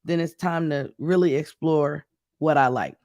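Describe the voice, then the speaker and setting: A young man from the Midwest with a somewhat high voice, chatty and excitable as he tells stories. The sound is dry and close, with no room in it. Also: a little slow, no echo. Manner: chatty and excitable, with animated storytelling. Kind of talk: casual chat.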